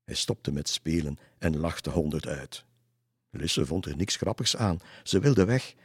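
A man reading a folk tale aloud in a measured way. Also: very deep voice, lively intonation, slightly rough, no echo, clean studio sound. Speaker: narrator. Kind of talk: storybook narration.

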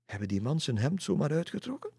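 A man's voice: low voice, steady tone, unhurried, darkish tone, slightly rough, dry recording, clean studio sound. A man voicing a confused, hesitant young village woman in a storybook. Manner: hesitant, puzzled.

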